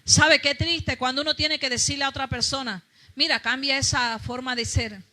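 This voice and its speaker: High bright-voiced woman pastor preaching. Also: steady tone, normal speed. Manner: fervent, calls out to the congregation. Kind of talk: sermon.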